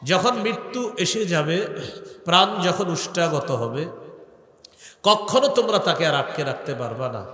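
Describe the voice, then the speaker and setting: A man with a somewhat high voice gives a sermon. He moves between slow sung recitation and plain talk with rhetorical questions, and the sound rings with a long, roomy echo. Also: lively intonation, pushed and bright. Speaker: Islamic preacher. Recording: echoey hall with long reverb.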